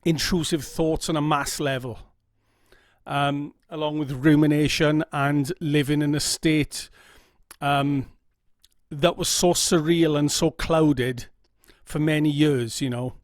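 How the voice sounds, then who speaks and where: A man's voice: on the high side, fairly even intonation, slow pace, no echo, studio quality. A middle-aged man with a Welsh accent telling his own story to camera, earnest and candid, often checking in with "okay?". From Wales. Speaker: vlogger. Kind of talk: personal story told to camera. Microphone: camera mic.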